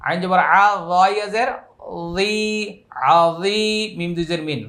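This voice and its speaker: A high-pitched Bangladeshi man teaching Quran reading, calling out letters and vowel marks in a brisk drill. He then stretches the syllables into a slow, drawn-out chant. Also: bright, forceful tone. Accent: Bangladeshi Bengali. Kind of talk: spelling out Quran recitation letter by letter.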